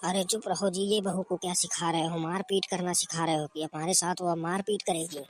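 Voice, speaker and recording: A woman's voice: lowish voice, fairly even intonation, a little fast, slight background noise, close to an everyday voice. Woman playing a nagging mother-in-law. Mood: scolding. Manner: scolding, sarcastic.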